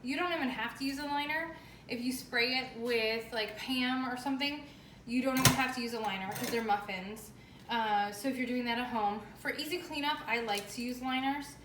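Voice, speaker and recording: A woman with a fairly high voice hosts a casual cooking demonstration in a chatty, emphatic way. She is recorded at some distance from the mic in a roomy, echoing space, with clear background noise. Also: moderate pace. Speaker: home baking show host.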